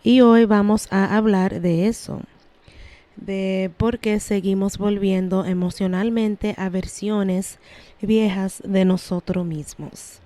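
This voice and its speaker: A woman from Massachusetts hosting her own podcast, talking through emotional healing in a calm, earnest solo monologue. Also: mid-range voice. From Lawrence, Massachusetts, USA. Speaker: podcast host.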